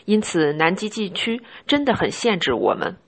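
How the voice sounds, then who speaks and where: A woman's voice: lowish voice, sing-song, moderate pace, creaky, husky. A woman reading a voice-over translation of a sailor's spoken log.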